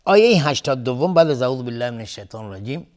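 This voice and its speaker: A man with a Persian accent teaching Quran recitation rules, explaining calmly and then chanting verses slowly. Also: medium pitch.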